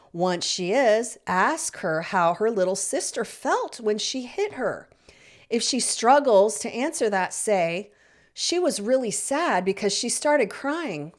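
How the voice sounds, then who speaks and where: A middle-aged woman giving parenting advice, encouraging, repeating her points and checking in with the listener. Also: medium pitch. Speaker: parenting coach. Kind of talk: instructional talk to parents.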